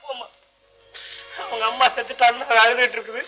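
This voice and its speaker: An actor playing a hot-headed young man who shouts and demands answers, in 1940s film acting style. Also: very high voice, flat delivery, fast talker, soft background music, poor audio. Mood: pleading. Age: young adult.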